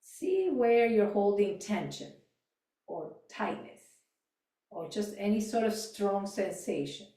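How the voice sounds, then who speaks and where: A woman instructor leads a gentle yoga and mindfulness class, giving calm, unhurried cues for movement and breath. Her voice sits at an ordinary middle pitch and tends to fade softly at the ends of lines. She is heard from some distance in a roomy, echoing studio. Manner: calm, gentle cueing with soft trailing endings. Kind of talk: guided movement and voice exercise class. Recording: echoey room, voice off-mic.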